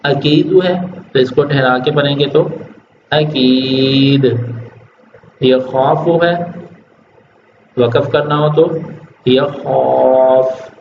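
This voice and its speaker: A man teaching children Quran reading in Urdu, who draws out each word slowly as he models recitation and then explains quickly, with a Pakistani Urdu accent. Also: fairly high pitch. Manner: stretches words slowly when modeling recitation; explains quickly in between examples. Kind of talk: online tajweed lesson for children. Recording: dull, echoey, noisy room.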